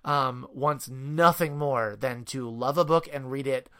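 A man's voice: mid-range voice, a little slow, pushed and bright, clean tone. A man speaking as a parent guest, telling rambling anecdotes in casual chat and laughing often.

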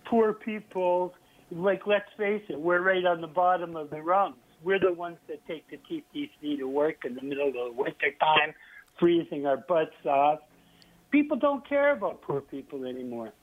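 Calling in to a radio talk show from Toronto, Canada, a man speaks bluntly and bitterly over a tinny telephone line. His voice is fairly high and expressive, and he keeps a moderate pace.

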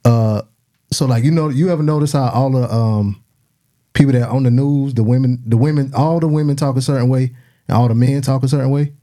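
A man with a Southern, South Carolina accent and a very soft-edged, dark voice. He talks casually in colloquial slang, at an average pitch. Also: a little fast. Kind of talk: casual chat.

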